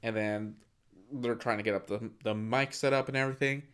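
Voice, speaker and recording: A man's voice: mid-range voice, steady tone, fairly quick, fairly bright tone, smooth. Easygoing young man recapping a movie. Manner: easygoing, recaps scenes, many fillers. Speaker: podcast co-host. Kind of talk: casual movie review chat.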